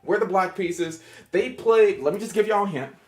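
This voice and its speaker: A man's voice: sits high, animated, normal speed. A man, streaming a casual chess lesson, joking with his chat in a hyper way.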